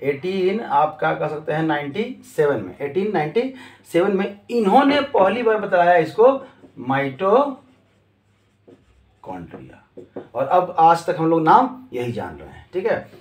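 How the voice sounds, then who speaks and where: A man with a fairly high voice teaches a class, posing questions and answering them himself. He goes over each key term more than once. The room gives his voice a clear echo. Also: big pitch swings, normal speed. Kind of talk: classroom lecture. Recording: echoey room.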